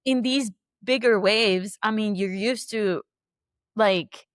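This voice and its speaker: A woman hosting an interview, talking in an unhurried, casual way with short encouraging replies. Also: mid-range voice, no room sound, studio quality. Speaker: podcast host.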